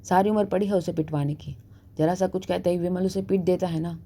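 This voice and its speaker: A woman voicing a sharp-tongued middle-aged mother who scolds her husband, in a storybook reading. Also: on the low side, steady tone, a little fast, lightly acted. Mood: hushed.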